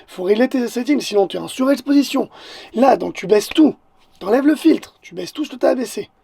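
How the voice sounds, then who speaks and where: High, gravelly Québécois man, excitable. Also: brisk. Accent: Québécois French. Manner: excitable, stammers and repeats words. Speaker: photographer and vlogger. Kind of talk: casual vlog narration to the viewer.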